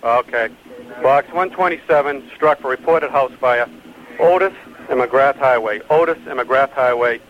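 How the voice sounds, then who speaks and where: A man working as a fire alarm dispatcher, giving measured, formal, repeated announcements over a two-way radio. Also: mid-range voice. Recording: dull, very noisy emergency radio channel.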